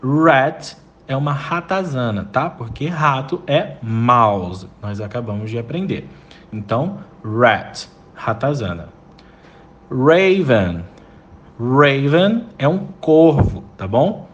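A man teaching a list of English vocabulary words, saying each word slowly and repeating it for practice. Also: mid-range voice, animated, muffled recording. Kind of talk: vocabulary lesson.

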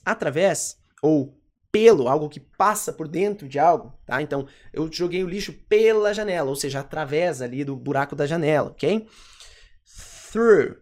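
An English teacher with a Brazilian accent, explaining grammar in a chatty way and slowing down to repeat each example phrase. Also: medium pitch. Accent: Brazilian Portuguese. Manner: casual, chatty explaining with slang tags. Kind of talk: recorded language lesson.

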